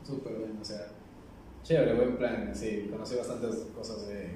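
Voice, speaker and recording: A man's voice: fairly low pitch, normal speed. Young man telling stories in an echoey room. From Ecuador. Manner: lively storyteller, keeps saying "literally". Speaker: podcast guest, doctor. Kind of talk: casual chat. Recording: roomy echo, distant mic, noisy.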